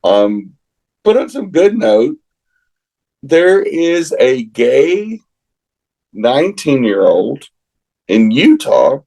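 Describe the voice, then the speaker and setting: A man with a gravelly voice hosting a casual chat show in a folksy, halting way. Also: medium pitch, sing-song, warm tone, low-quality recording. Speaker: show host.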